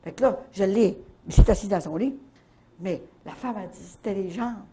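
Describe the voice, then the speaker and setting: An older woman with a Canadian French accent telling a faith testimony at a retreat, in a lively storytelling manner full of little verbal tags. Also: medium pitch, normal speed, slightly rough. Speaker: retreat speaker.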